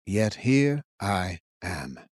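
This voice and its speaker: A man voicing an ancient resurrected king who speaks slowly and gravely in an audiobook. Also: deep voice, sing-song, no room sound, clean studio sound, voice pushed down, heavily acted. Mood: stern. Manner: slow, grave, measured. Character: ancient resurrected male king, commanding, solemn. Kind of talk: audiobook character voice.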